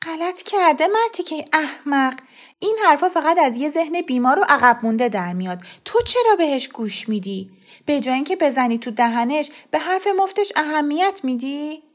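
A woman reader plays a protective mother standing up for her child, her voice pressing and indignant. She argues back with heat but stays softer than her husband, in a storybook reading. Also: high-pitched, sing-song, voice pushed up. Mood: pleading, indignant. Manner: pleading then indignant. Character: protective mother, pleading and defiant.

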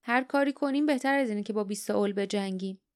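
A woman reading as a steady male warrior. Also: mid-range voice, natural voice. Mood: tense. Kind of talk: audiobook dialogue.

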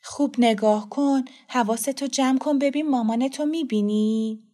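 A woman voicing a kind grown woman who coaxes a lost child slowly and gently. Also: sits high, pitched above the performer's own voice, natural voice. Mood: gentle. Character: kind, hurried adult woman, gentle then flustered.

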